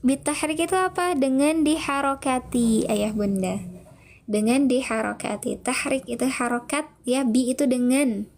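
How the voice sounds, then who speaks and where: High-voiced woman teaching tajwid. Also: normal speed, a little mellow. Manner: patient, explains step by step, reads chat names aloud. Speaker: Quran teacher. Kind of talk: online tajwid lesson, answering chat.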